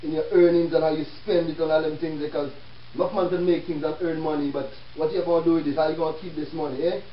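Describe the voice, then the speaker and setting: Male, Jamaican accent, Rasta preacher-lecturer, fairly high voice, heard far from the mic. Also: flat delivery, fast talker. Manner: preaching, rhetorical, peppered with check-in questions. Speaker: self-help show host. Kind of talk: Rastafarian speech, informal lecture with readings. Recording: echoey room, distant mic, dull with hiss.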